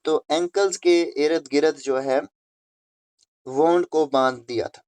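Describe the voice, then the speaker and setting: Slow talking teacher guy, keeps repeating words n spelling them out. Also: on the high side, darkish tone, clear, resonant tone. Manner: repetitive, checks with listeners, spells words letter by letter. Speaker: English grammar teacher. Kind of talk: classroom lesson on pronunciation.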